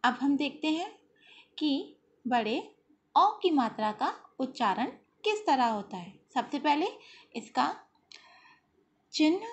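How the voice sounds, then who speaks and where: High-voiced woman teacher, slow and patient. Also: sing-song. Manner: slow patient explaining, drawn-out sounds repeated; frequent "ठीक है" and "very good" checks. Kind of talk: children's Hindi lesson. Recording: slightly dull lo-fi audio with faint hiss.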